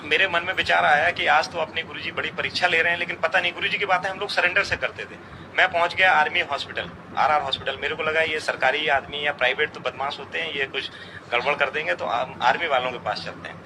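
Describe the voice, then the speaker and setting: A man's voice: fairly high pitch, steady tone, quick pace. A middle-aged man earnestly recounting a devotional experience, quoting others in dialogue. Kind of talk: storytelling testimony. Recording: outdoor traffic noise behind.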